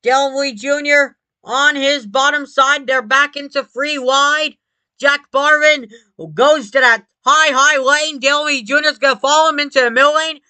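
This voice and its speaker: A motorsport commentator calling a race live in an excitable manner. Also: high-pitched, moderate pace, dry recording. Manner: excitable motorsport commentator delivery, breaking into shouts at big moments.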